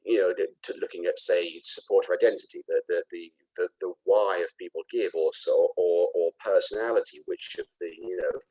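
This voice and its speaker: A man with a Cockney accent presenting a product demo in a halting, casual way, with many restarts and fillers. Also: deep voice, fairly even intonation, dark tone, slightly rough, poor audio.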